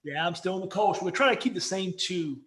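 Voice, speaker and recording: This co-host sounds high, animated and fairly bright, speaking at a fairly quick clip. He's chatting casually over beers on a podcast, rambling and joking while the talk keeps breaking off. The room echoes noticeably.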